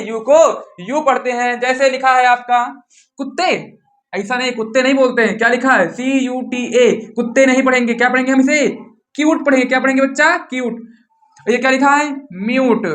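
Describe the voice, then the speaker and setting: Teaching English pronunciation, a man with a Hindi accent keeps posing questions to his students and supplying the answers himself. His voice is very high and a bit bright.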